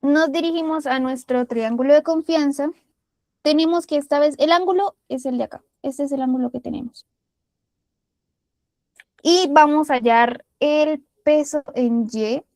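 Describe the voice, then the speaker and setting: Woman physics tutor, Colombian Spanish accent, high pitch, dry close mic, patient explainer. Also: mellow, no echo. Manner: patient step-by-step explaining with casual fillers. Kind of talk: explaining a physics problem while drawing.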